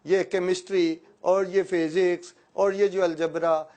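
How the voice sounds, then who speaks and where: A man's voice: high-pitched, little pitch movement, darkish tone. A man from Pakistan, an educator, giving a motivational speech and telling a story with playful asides to his listeners.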